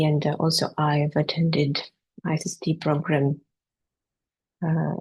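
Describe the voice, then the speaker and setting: A psychotherapist with a Finnish accent giving a conference talk over a video call, hesitant, with many fillers and restarts. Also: female voice, sits low, vocal fry, a little mellow, slightly rough, low-quality recording. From Finland. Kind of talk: conference presentation.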